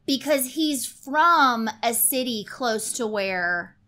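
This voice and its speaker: A woman's voice: fairly high pitch, lively intonation, sharp tone. A woman in her thirties co-hosting a film podcast, chiming in eagerly from a small home studio into a desk mic. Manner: eager, agreeing, quick to chime in. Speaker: podcast co-host. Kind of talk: casual film discussion. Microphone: desk microphone.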